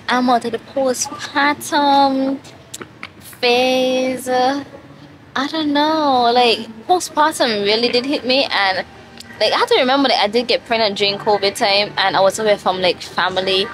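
A woman's voice: fairly high pitch, a bit bright, poor audio. A woman, tipsy from a drink, rambling and confiding to her phone camera in a casual vlog. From Saint Kitts and Nevis. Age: late 20s. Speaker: vlogger.

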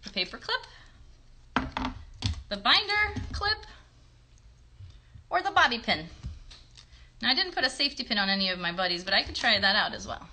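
A woman in her thirties hosts a children's puppet show, casually demonstrating a craft from her bedroom and asking young viewers questions to encourage them. Her voice sits on the high side with big pitch swings, bright and pushed, at a normal speed with frequent pauses. It was recorded on a phone held about arm's length away, with slight background noise.

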